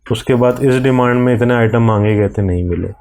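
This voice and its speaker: A man with a Pakistani accent guides a software screen recording, explaining each click in a slow, step-by-step way. His voice sits at an ordinary pitch with a dark, mellow tone. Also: clean tone. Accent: Urdu-Hindi speaking, Pakistani. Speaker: software tutorial presenter.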